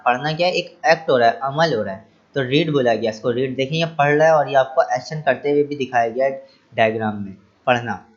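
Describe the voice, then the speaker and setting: Teacher spelling English words, dull audio. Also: male voice, medium pitch, brisk. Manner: spells words letter by letter, then repeats and translates; asks rhetorical questions to the class. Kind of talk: explaining English vocabulary to children.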